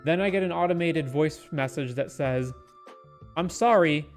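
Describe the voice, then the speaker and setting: A man tells a rambling, exasperated story about his errands. His voice sits a little high for a man, and soft music plays underneath. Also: moderate pace. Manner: exasperated, rambling anecdote with quoted asides. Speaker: streamer telling a story. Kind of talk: casual storytelling.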